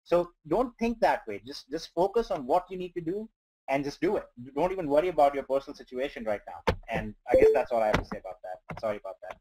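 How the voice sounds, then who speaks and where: On a motivational business webinar, a company trainer from India, not a native English speaker, earnestly coaches listeners through numbers. His fairly high voice is expressive, fast, and a little mellow, and the recording is rough.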